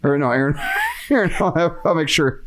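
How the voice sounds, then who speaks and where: A man's voice: fairly high pitch, big pitch swings, brisk, background noise. A man hosting a podcast, talking in casual chat and ranting with exasperated energy. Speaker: podcast host.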